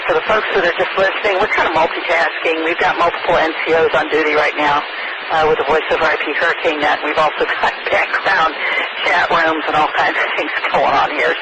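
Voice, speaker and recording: A woman's voice: low voice, vocal fry. Folksy woman on very noisy radio. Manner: folksy, courteous. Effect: two-way radio. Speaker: net control operator. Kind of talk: amateur radio weather bulletin and net chatter. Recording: very noisy, crackly radio transmission.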